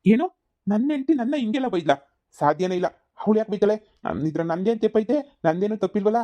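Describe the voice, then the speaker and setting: A woman's voice: deep voice, fairly even intonation, fast talker, dark tone, close to an everyday voice. A woman voicing a stubborn, self-pitying old village father-in-law in a cartoon comedy, grumbling and complaining. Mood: indignant. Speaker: cartoon voice actor.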